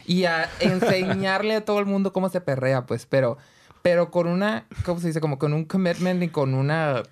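A man with a Mexican accent speaks eagerly as a guest and heaps praise on his friend. His voice sits a little higher than most men's. He talks in a casual, flowing way. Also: moderate pace. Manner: enthusiastic, full of praise. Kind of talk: casual interview.

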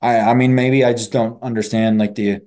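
A man's voice: mid-range voice, level tone, normal speed, mellow. A young man co-hosting a podcast, rambling casually with lots of fillers and swearing. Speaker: podcast co-host. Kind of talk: casual chat.

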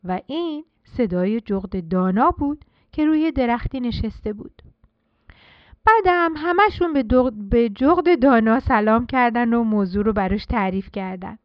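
High-voiced woman reading a children's story. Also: expressive, no echo, dull audio. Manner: warm sing-song storytelling, addressing children.

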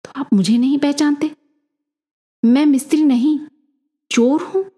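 A woman voicing a desperate, proud male mason who pleads loudly to be recognised. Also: on the high side, normal speed, pitched above the performer's own voice, close to an everyday voice. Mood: defiant. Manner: pleading then defiant shouting.

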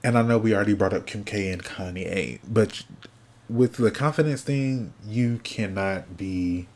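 A man hosting his own podcast alone, chatting casually and sassily from topic to topic, sounding sleepy and yawning, often trailing off into quiet mumbles. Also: fairly low pitch, measured pace. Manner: chatty, sassy, drifting between topics. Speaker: podcast host. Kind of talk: casual solo podcast chat.

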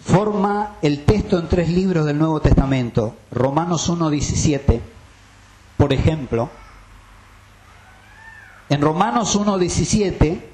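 A man's voice: a little high, darkish tone. A man preaching a sermon, emphatic and quizzing his listeners with rhetorical questions.

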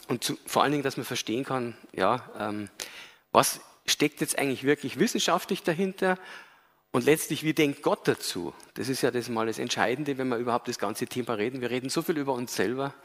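A Bavarian man in his fifties, whose accent carries a slight Austrian tinge, gives an earnest, explanatory public lecture full of hesitation sounds. His voice is medium-pitched and a bit bright, and the lecture hall adds long reverb.

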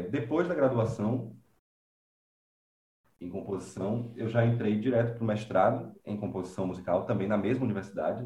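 This man from Bahia, Brazil, a composer and professor, thinks aloud with plenty of fillers as he talks unhurriedly in a relaxed interview. His low, mellow voice sounds reverberant.

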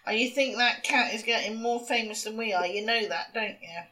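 A woman's voice: a little high, a little fast, bright, forceful tone. A middle-aged or older British woman co-hosting a comic podcast in casual chat, with dry, cheeky asides. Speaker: podcast co-host.

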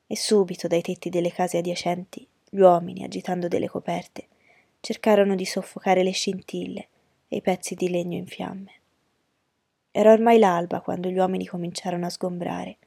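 Woman reading a novel aloud, low husky voice, dry close sound. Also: dry recording. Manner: steady, even storytelling. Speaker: narrator. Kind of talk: audiobook reading.

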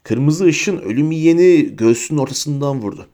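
A man narrating a fantasy audiobook in a lively storytelling manner. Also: normal speed. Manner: lively storytelling, pitches up for characters' shouts.

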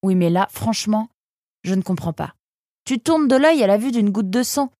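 A woman's voice: mid-range voice, steady tone, moderate pace, dark tone, dry recording, clean studio sound, natural voice. Woman doing an exasperated critical creature friend. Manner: reproachful, exasperated.

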